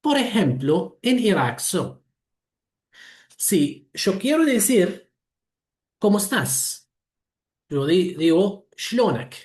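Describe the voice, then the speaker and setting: Man, Arabic accent, native Arabic speaker, lecturing, slow halting delivery, lively rise and fall, echoey room on a video call. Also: sits high. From Lebanon. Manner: slow, halting, with self-corrections. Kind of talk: online talk, explaining.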